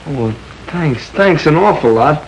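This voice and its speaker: A man acting in a 1930s film as an earnest, humble young would-be lawyer, speaking haltingly and modestly. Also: on the high side, expressive, rough recording. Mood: moved, humble. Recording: old film soundtrack, faint noise.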